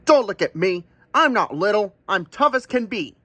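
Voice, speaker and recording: A man's voice: high voice, very animated, moderate pace, bright, forceful tone, dry recording, pitched above the performer's own voice, heavily acted. A man voicing a grumpy, huffy male buffalo in a rhyming storybook, stomping and huffing. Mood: defiant.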